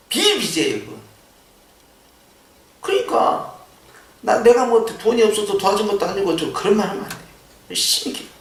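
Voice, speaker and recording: A male pastor preaching a sermon in a church, animated and full of rhetorical questions. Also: fairly high pitch. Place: church sanctuary. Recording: echoey church sound from a distance.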